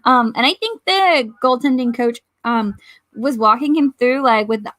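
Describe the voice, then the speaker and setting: A woman's voice: fairly high pitch, normal speed, fairly bright tone, dry recording. A young woman co-hosting a casual sports chat show, chatty and giggly with lots of fillers. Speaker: podcast co-host.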